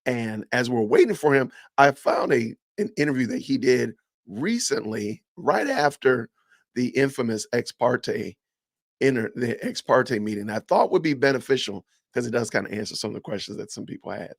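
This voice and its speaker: A man's voice: medium pitch, very animated, moderate pace, gravelly, dry recording. A man hosting a livestream, chatting casually to his viewers. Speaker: livestream host.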